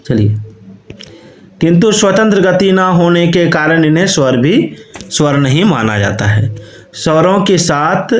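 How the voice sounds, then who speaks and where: A man's voice: fairly high pitch, echoey room. A man teaching Hindi grammar in a recorded online lesson, who explains step by step and often repeats his questions. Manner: says "okay" and "you can see" often.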